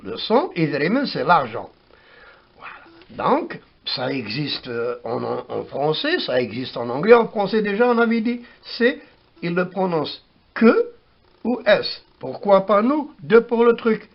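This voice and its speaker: A man giving a spoken language lesson, slowly repeating words to show how they are pronounced, on a dull lo-fi recording. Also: sits high, sing-song, vocal fry. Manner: slow, repeats words for pronunciation. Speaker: language teacher.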